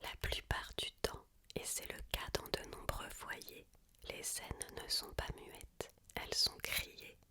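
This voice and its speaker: Slow whispering woman reading aloud, ASMR. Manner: hushed, unvoiced library whisper throughout. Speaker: ASMR reader.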